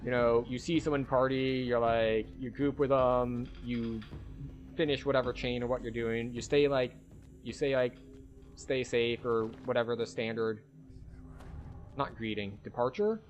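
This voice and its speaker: A man's voice: mid-range voice, steady tone, moderate pace, highs cut off. A man giving casual gaming commentary and chatting with viewers in a rambling, wry, self-deprecating way. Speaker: game streamer.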